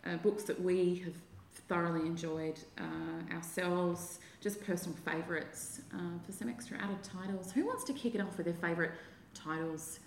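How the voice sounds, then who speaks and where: A woman casually hosting a book podcast, speaking in short, halting phrases. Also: fairly low pitch, fairly even intonation, gravelly, slight background noise. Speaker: podcast host. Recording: roomy echo.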